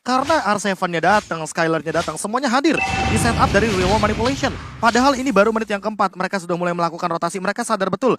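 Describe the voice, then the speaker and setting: A man's voice: high voice, racing, few pauses, very noisy. A man with an Indonesian accent giving emphatic, explanatory esports analysis as a co-commentator.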